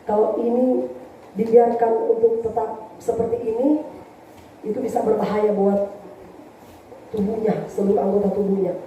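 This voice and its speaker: A man's voice: high-pitched, little pitch movement, warm tone, a little hiss or hum, close to an everyday voice. A woman playing a frank, sober doctor. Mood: grave. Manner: frank, measured. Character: calm male doctor giving grave news. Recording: echoey church hall from far off.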